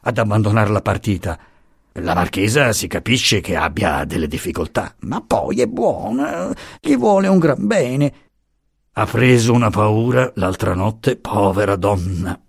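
A man's voice: on the low side, sing-song, gravelly, husky, no echo, studio quality, heavily acted. A man voicing a sly, fawning older man who coaxes secrets with honeyed, insinuating talk. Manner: honeyed, coaxing, slow and insinuating.

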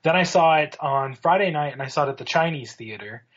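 A man's voice: a little high, animated, brisk, fairly bright tone. Man, podcast host, conversational, asks questions, casual chat, dull lo-fi call audio. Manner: conversational, leads the discussion with questions. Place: home in Los Angeles.

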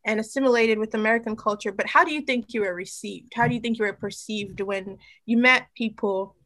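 A woman from Nigeria with a fairly high, bright voice hosts the conversation. She reflects aloud and then puts open questions to her guest. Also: fairly quick. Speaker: interviewer. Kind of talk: conversational interview.

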